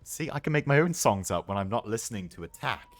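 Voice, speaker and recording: Chatty British streamer, lively pitch. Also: male voice, fast talker. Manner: joking, chatty, reads chat aloud. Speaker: game streamer. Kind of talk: live game streaming commentary.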